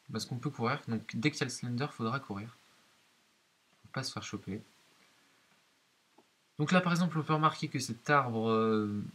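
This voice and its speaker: A man with a medium-pitched, slightly bright and somewhat rough voice hesitantly explains a horror game as he plays it, speaking straight to his viewers. The home recording is hissy.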